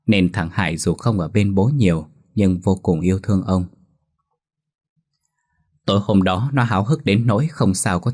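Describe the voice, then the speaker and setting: A man narrating a scripted ghost story in a steady, even storytelling manner. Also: sits low.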